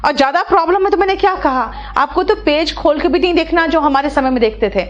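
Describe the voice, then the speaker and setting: A woman's voice: sits high, quick pace, muffled recording. A middle-aged woman, teaching vocabulary in an online class and coaxing her students step by step. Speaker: English teacher.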